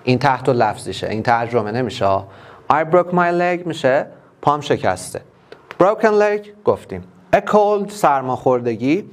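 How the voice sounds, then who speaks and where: A man with a Persian accent teaching an English class online, explaining each word step by step and repeating it slowly. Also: medium pitch, very animated.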